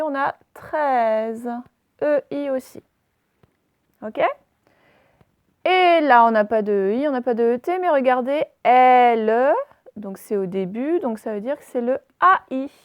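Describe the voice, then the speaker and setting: A woman primary school teacher giving a recorded phonics lesson to young pupils, speaking slowly and spelling out letters and words at a whiteboard, picked up by her camera's microphone. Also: high voice, darkish tone, no room sound. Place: room with a whiteboard, filmed on her own camera.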